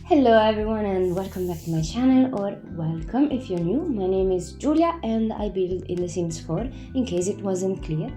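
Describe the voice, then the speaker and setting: A native Italian-speaking woman hosts her own channel about building in The Sims, chatting casually from a room at home on a new microphone. Her voice is fairly low and mellow, with an echoey room around it. Stuffed up from a cold, she's talkative and keeps correcting herself.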